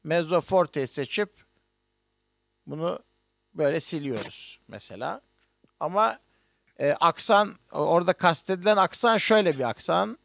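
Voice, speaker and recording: A man with a fairly high voice teaches music notation online, walking through each step as he works on screen. He hesitates often with drawn-out fillers. The sound is dry and close, with no room echo. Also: lively intonation, gravelly, fairly bright tone. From Turkey. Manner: explains step by step while working on screen, with many hesitations. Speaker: music professor.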